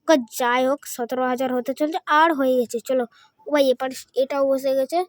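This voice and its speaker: A woman doing excited gameplay commentary, dropping Hindi phrases in as she counts and clicks. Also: high voice, a little fast, no echo. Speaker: gaming channel host.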